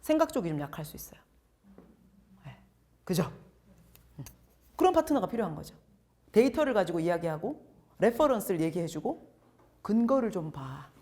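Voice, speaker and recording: A middle-aged woman coach giving a lively lecture in a large hall, acting out quoted people and firing questions at her audience. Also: fairly low pitch, moderate pace, pauses often, slightly rough. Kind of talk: lively lecture to young adults.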